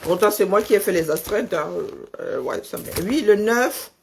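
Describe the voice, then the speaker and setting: A woman with a lisp that makes her s sounds slushy, chatting casually and haltingly, often repeating words as she thinks. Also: mid-range voice, lively intonation, darkish tone, slight background noise. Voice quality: husky, creaky voice. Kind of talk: casual chat, talking to herself and on a phone call.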